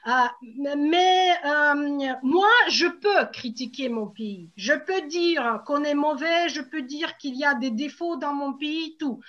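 A woman's voice: sits high, takes it slowly, fairly bright tone. A woman from Moscow, a native Russian speaker, explains her view as an ordinary citizen in a hesitant but emphatic way, in dull lo-fi sound. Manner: hesitant, emphatic, repeats key points. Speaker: ordinary citizen giving testimony in a panel discussion. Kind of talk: spontaneous explanatory discussion.

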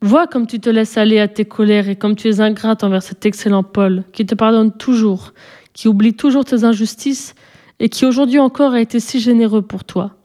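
A woman reading aloud and voicing a gentle but firm mother in a storybook, measured and gently admonishing. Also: fairly high pitch, steady tone, natural voice.

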